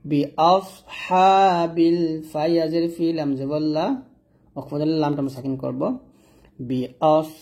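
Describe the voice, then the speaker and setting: A man teaching Quran reading, patiently spelling out each syllable and repeating the verses slowly in a chanting tone. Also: a little high, a little mellow.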